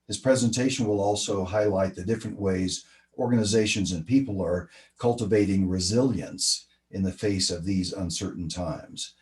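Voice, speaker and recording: A man reads out a speaker introduction at an online meeting. His voice is very deep. He sits well back from his video-call mic, so he sounds distant. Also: normal speed, few pauses, darkish tone. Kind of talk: reading an introduction.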